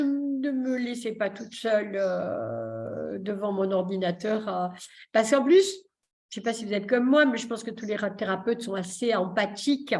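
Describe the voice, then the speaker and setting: A woman therapist hosting a live video session in a chatty, joking way, with many fillers. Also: medium pitch. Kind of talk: casual live chat. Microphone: computer mic on a video call.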